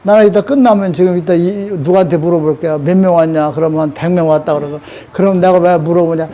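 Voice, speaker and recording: A man's voice: high-pitched, steady tone, fast talker, mellow. An older man preaching a sermon in a scolding way, throwing rhetorical questions at his audience.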